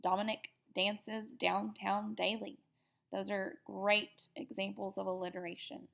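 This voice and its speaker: A woman giving an upbeat slide presentation to teachers, often pausing on fillers. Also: medium pitch, flat delivery, creaky. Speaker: teacher educator. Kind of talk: presentation lecture over slides.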